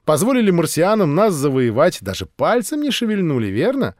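A man's voice: fairly high pitch, very animated, fairly quick, darkish tone, dry recording, clean studio sound, pitched above the performer's own voice. A man voicing a brash, flirty earthling woman in an audiobook, cocky and teasing.

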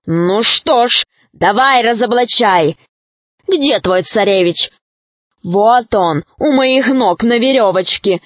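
A woman's voice: on the high side, animated, fairly bright tone, dry recording, exaggerated voice. A woman putting on a gloating villain. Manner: slow, menacing, gloating. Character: sinister gloating male villain.

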